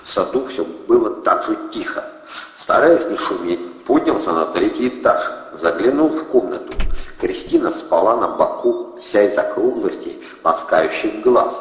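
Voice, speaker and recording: Low-voiced man narrating an audiobook. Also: normal speed. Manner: steady storytelling. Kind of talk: scripted narration. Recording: dull, roomy, long reverb.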